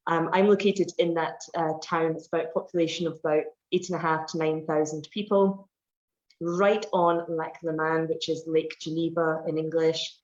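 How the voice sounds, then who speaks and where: Her voice sits low with little pitch movement, moving at a moderate pace. She is a Scottish personal fitness trainer in her forties, answering interview questions casually as a guest and going on at length, full of fillers. The recording is dull, roomy online call audio.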